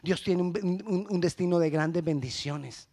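High-voiced animated male pastor preaching. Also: measured pace. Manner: animated preaching, rising to loud emphatic peaks; acts out quoted church members. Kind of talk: sermon.

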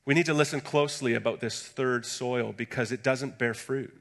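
A man's voice: medium pitch, fairly even intonation, normal speed, creaky. A middle-aged male pastor preaching a sermon in a large church auditorium, building to emphatic bursts and dropping into joking asides. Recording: reverberant hall.

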